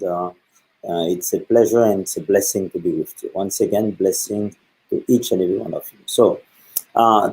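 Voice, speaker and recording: Earnest priest, low voice. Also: male voice, darkish tone, poor audio. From Haiti. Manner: earnest, with many pauses and fillers. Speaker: guest speaker. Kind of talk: reflective talk on faith.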